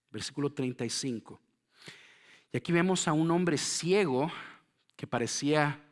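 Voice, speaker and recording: A middle-aged man preaching a sermon, moving between hushed slow phrases and loud, fervent calls, speaking straight to his congregation with rhetorical questions. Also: medium pitch. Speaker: pastor.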